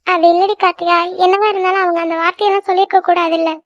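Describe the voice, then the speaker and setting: A woman voicing a young cartoon girlfriend who pleads softly and is quick to apologize. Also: very high-pitched, little pitch movement, dry recording. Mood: protesting. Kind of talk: cartoon voice acting. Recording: dull lo-fi dry recording.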